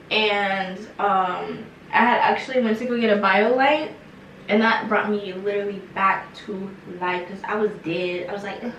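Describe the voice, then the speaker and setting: A young woman telling a casual storytime, animated and slangy with lots of fillers. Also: a little high, slight background noise. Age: young adult. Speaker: vlogger. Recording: echoey room, mic some distance off.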